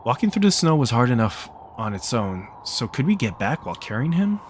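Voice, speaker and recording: Reading visual novel text aloud for a let's play, a man with a medium-pitched, very animated voice moves at a brisk pace with slight background noise. His narration is plain, punctuated by occasional jokes, laughter, and casual asides.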